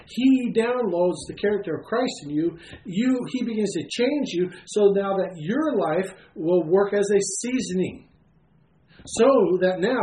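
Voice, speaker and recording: A man preaching a sermon, his voice sitting a little higher than most and swinging widely in pitch as he presses each point. He pauses often and fills the gaps with soft fillers. The room around him rings with echo, over a faint hiss. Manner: animated preaching with frequent "uh" fillers and emphatic pauses. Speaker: pastor.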